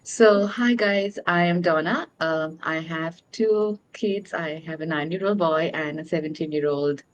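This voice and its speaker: A woman from Sri Lanka introducing herself as a guest on a video call, soft and low-key. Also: a little slow, hardly any pauses, muffled recording, a little hiss or hum. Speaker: panel guest. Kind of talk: casual live chat.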